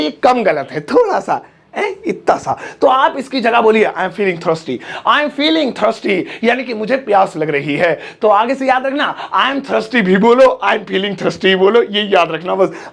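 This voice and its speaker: A man teaching English phrases in a playful, joking manner, drawling out the examples slowly. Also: sits high, creaky, fairly bright tone. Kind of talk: Hindi-language English lesson.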